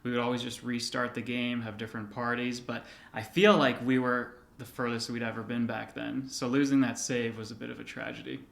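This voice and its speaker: A man's voice: medium pitch, a little fast, creaky, hardly any pauses. Man reminiscing on camera in a roomy space. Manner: relaxed, reminiscing, with light filler words. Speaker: vlogger. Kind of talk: casual personal storytelling to camera. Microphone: camera held by another person. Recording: roomy echoey room sound.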